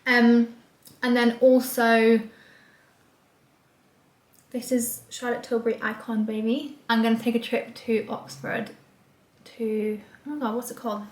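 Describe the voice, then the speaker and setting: Filming herself in a small indoor room, the camera a short distance in front of her, this young vlogger from Scotland speaks English with a faint Scottish trace, bubbly and rambling with many "likes" and "ums." Her voice sits high with little pitch movement, unhurried and pausing often. The recording is reverberant and low in quality.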